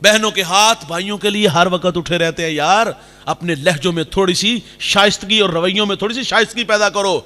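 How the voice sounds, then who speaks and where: A man preaching an impassioned sermon, acting out stories, and sometimes slowing to a sing-song recitation of verse. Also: high-pitched, pushed and bright. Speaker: Islamic preacher. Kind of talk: Urdu sermon with Punjabi verse and quotes. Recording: long hall reverb.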